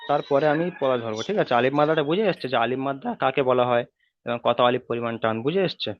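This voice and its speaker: A man's voice: medium pitch, dry recording. Man teaching over a tinny online call. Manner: repeats rules slowly, drawing out vowel sounds. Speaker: Quran reading teacher. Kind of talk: online class lesson. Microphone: video call. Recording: tinny call audio, dry.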